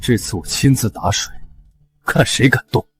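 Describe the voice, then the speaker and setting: An actor playing a firm, commanding nobleman in a costume drama, with a husky voice. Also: mid-range voice, normal speed. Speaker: nobleman, second young master.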